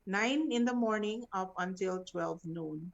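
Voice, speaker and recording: Over dull, lo-fi video call audio, a program coordinator leads an online meeting, her mid-range voice unhurried and creaky. She has a Filipino accent, speaks Cebuano natively, and briefs the group informally and instructively, often tacking on little checking tags.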